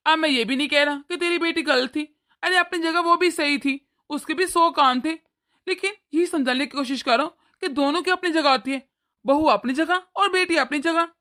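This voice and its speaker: A woman voicing a wise older father-in-law in a cartoon, gently lecturing his wife. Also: sits high. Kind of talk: cartoon voice acting.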